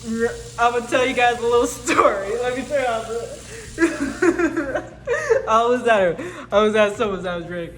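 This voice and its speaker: Cooking on a livestream, the host keeps up a casual stream of crude, profane teasing aimed at viewers, often stumbling and repeating the start of phrases. The voice is mid-range and a bit bright, with lively intonation and a slightly slow pace, while music plays and food fries behind.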